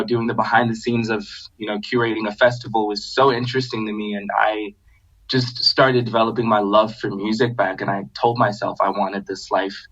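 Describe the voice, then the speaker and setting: A young man from Zambia, raised in Botswana, talks through his story in a relaxed, unhurried podcast chat. His voice sits fairly low and comes through slightly dull, with a lo-fi edge to the recording. He fills his sentences with easy pauses and "you know". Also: slightly rough. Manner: relaxed storytelling with many fillers. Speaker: guest singer-songwriter.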